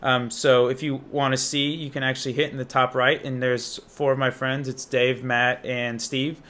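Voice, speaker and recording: A young American man from Indiana reviews and demos an app in a casual, unscripted walkthrough that is slangy, informal and enthusiastic. His voice is medium-pitched with a fairly bright tone, a flat delivery and a moderate pace.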